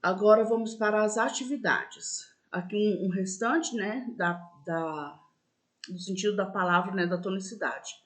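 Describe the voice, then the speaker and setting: Woman teacher, patient, repeats herself, slows down to stress sample words for young pupils. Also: mid-range voice. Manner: patient, repetitive, checks in with "né?"; stresses example words slowly. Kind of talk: school lesson explaining accents.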